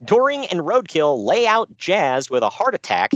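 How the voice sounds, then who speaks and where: A man's voice: sits high, huge pitch swings, normal speed, no room sound, highs cut off. A man co-hosting a podcast, recapping a show with dry sarcasm and frequent laughs. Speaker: podcast co-host. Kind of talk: casual chat.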